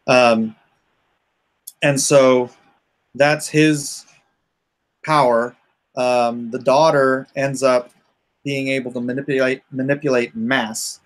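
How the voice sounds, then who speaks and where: In a relaxed, unscripted conversation, a man describes his creative project, pausing and fumbling as he hunts for the right words. His voice sits at a medium pitch.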